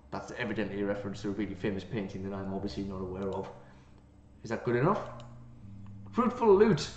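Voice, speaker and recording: A man's voice: mid-range voice, darkish tone, a little hiss or hum. Playful man commenting on a game. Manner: playful, reads game text aloud, jokey asides. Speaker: gaming channel host. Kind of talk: let's play commentary. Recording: roomy, slightly dull, game music behind.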